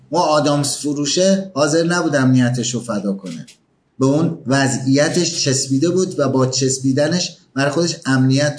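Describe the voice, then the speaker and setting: A man's voice: medium pitch, darkish tone. A man giving a motivational talk, pressing the listener with emphatic questions. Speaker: motivational speaker.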